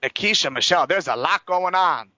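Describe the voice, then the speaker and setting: A man's voice: high voice, animated, a little fast, bright, forceful tone, muffled recording, slight background noise. A man hosting a casual entertainment chat show, talking emphatically and gossipily in folksy slang. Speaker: talk show host.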